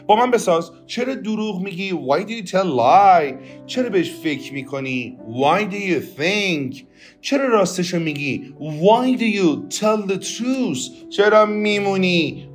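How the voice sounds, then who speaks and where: A man teaching English on a podcast, saying each practice phrase slowly and clearly so the listener can repeat it. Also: sits high.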